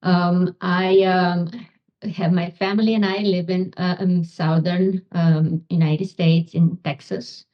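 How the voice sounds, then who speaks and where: Slow, halting Romanian-born woman, lo-fi. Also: on the low side, little pitch movement. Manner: slow, halting, many ums. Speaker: guest, physician and author. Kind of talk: interview answers.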